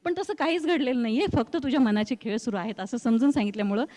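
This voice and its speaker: Woman, middle-aged, rural Marathwada Marathi accent, fairly high voice, expressive storytelling, long hall echo. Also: fast talker. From Marathwada, India. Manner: expressive, acts out quoted voices, laughs often. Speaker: guest, news reader and anchor. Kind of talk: animated storytelling interview.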